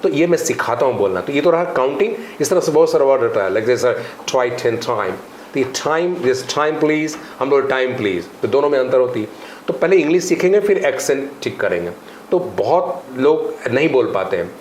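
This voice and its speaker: A man's voice: medium pitch, a little fast. Guy teaching spoken english on a podcast, punchy emphatic talk, roomy echo, bit of background hum. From India. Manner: animated, emphatic teaching, mixes Hindi with English phrases and drills. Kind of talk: podcast interview. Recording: echoey room with faint ambient noise.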